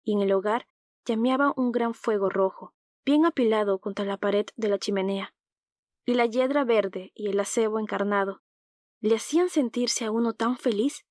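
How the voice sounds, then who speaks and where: A woman narrating an audiobook in a calm, even reading voice, close to the mic. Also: fairly high pitch, normal speed, no room sound.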